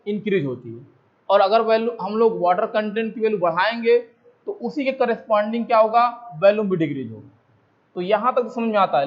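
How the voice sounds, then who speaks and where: Recorded through a dull, lo-fi mic, an Indian man whose voice sits high gives a civil engineering lecture in Hindi laced with English technical vocabulary. He explains things step by step, repeating himself and answering his own questions.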